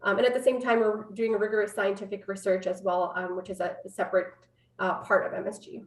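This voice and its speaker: A public health scientist in her thirties, born in Afghanistan and now from Canada, talks about her work as an interview guest on a video call from a room at home. Her medium-pitched voice stays level and runs a little fast, with a Canadian accent and a conversational manner. The distant video-call mic makes the sound roomy.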